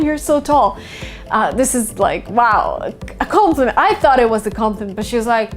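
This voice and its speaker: A woman in her late twenties, born in Russia and speaking English as a second language, hosts a casual lesson. She talks in a slightly high voice, telling little stories with plenty of fillers. Faint music plays behind her. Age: 20s. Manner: chatty, storytelling with many uh fillers. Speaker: English teacher.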